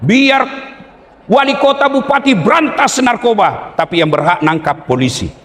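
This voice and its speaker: Middle-aged bugis preacher guy, kinda high voice, jokey, yells for emphasis, big echoey hall. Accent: Bugis, South Sulawesi. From South Sulawesi, Indonesia. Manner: jokey, animated, sudden loud emphatic bursts. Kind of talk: humorous sermon.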